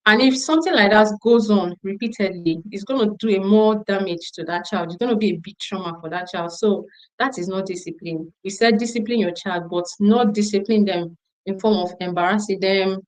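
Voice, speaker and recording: A woman's voice: mid-range voice, normal speed, low-quality recording. A middle-aged woman speaking at a parenting conference, telling a story emphatically and repeating phrases for stress. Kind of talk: storytelling talk to an audience.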